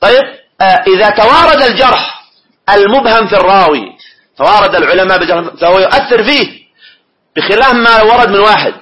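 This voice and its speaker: A man lecturing students in a classroom, reading a text aloud and explaining it, often pausing to prompt them with questions. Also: high-pitched, expressive, bright, forceful tone, rough recording. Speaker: teacher of hadith studies.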